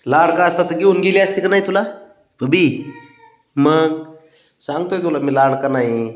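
A man's voice: on the high side, normal speed, reverberant. A man talking casually to his pet cat, coaxing and teasing it with cooing nicknames. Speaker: cat owner.

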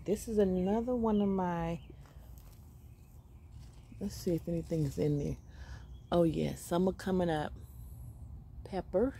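A woman with a lowish, mellow voice walks through her outdoor container garden, filming on a phone held close. She chats in an upbeat, grateful way, pausing often and filling the gaps with little fillers. Faint outdoor ambience sits behind her. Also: a little hiss or hum. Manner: upbeat and grateful, chatty with many pauses and fillers. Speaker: home gardener giving a garden tour. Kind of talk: casual walk-through narration. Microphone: phone camera held close while filming plants.

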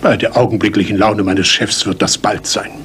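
An actor playing a dutiful, easily astonished police inspector in a radio play. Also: male voice, lowish voice, fairly even intonation, normal speed, fairly bright tone, slight background noise, natural voice. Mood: incredulous. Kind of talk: German radio play acting.

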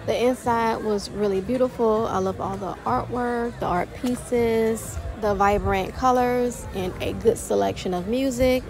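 A woman's voice: fairly high pitch, steady tone, measured pace, hardly any pauses, over music. A young adult woman narrating a family travel vlog, chatty, reviewing a restaurant and its food. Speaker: family vlogger.

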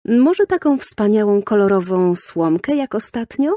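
A woman voicing a patient, gently firm mother in a children's audiobook, speaking calmly and reassuringly. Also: medium pitch, unhurried, no echo, studio quality, voice pushed up, lightly acted. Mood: gentle. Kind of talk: audiobook character voice.

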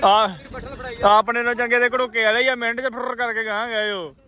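A man doing casual vlog commentary outdoors, with hearty, loud banter as he teases and urges on a group of workers. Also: very high-pitched, flat delivery, normal speed, crowd noise. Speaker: vlogger. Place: outdoors at a riverside sand-loading site with tractors.

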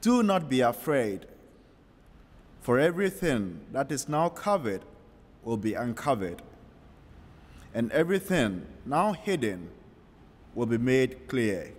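A man reading the gospel at Mass, solemn and measured, heard with a cathedral echo. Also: medium pitch, big pitch swings, husky. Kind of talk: liturgical scripture reading. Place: large church. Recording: long church reverb, distant from mic.

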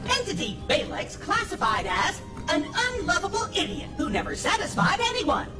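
A woman voicing a glitching female medical security robot in a video game, with a flat, announcer-like, malfunctioning delivery. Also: extremely high pitch, moderate pace, recorded from a distance. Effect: robotic glitching error voice. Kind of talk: video game character dialogue. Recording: echoey game audio with loud music. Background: loud game music.

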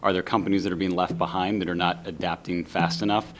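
A man's voice: deep voice, level tone, quick pace, slight background noise. A man moderating a panel in a lecture hall, firing off several questions in a row. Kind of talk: posing questions.

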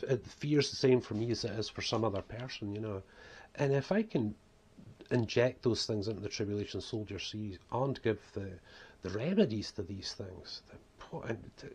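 A Scottish vlogger and author in his forties, with a broad accent and a lowish, husky voice, rambles through unscripted casual talk to camera. He often says "you know" while sitting indoors in a small room at home.

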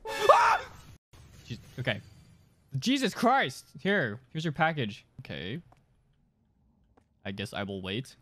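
A young man streaming horror games with live commentary, jumpy and excitable, speaking into a close desk mic. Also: mid-range voice, takes it slowly, long pauses. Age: young adult. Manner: jumpy, excitable, often yelping and screaming. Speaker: game streamer. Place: small bedroom streaming setup, indoors. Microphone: desk microphone close to the mouth, headphones on. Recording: game sounds and clicks behind voice.

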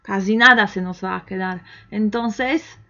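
A woman teaching an online language lesson, who talks slowly and patiently and waits for the learner to answer. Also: mid-range voice, sharp tone. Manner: slow, patient, encouraging, with pauses for the learner to answer. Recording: dull, lo-fi recording.

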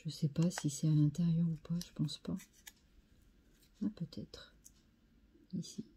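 A woman's voice: deep voice, little pitch movement, fairly quick, warm tone, a little hiss or hum. A French woman hosting a scrapbooking video, chatting casually as she shows craft mail and repeating how nice each piece is. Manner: chatty, enthusiastic, repeats "très sympa".

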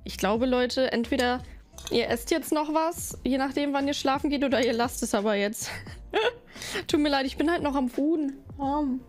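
A woman with a high voice streams a game at a moderate pace, playfully chatting with her viewers as she plays in a casual livestream.

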